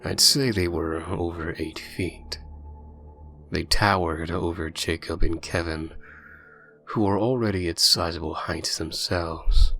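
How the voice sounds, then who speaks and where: A man narrating a horror story in a low, measured, grim way. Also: fairly even intonation, fairly bright tone. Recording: faint background music.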